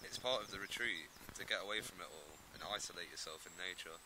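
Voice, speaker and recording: A controlling cult retreat leader played by an actor speaks formally and firmly in a found-footage drama. His voice is very deep, on a noisy covert recording. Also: fast talker, natural voice. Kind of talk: found-footage film acting.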